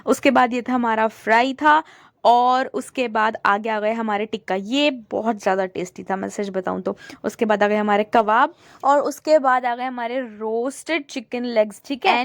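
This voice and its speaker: A woman's voice: on the high side, no echo. A young woman vlogging in a chatty, casual way, talking viewers through what she is showing them. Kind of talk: casual vlog narration.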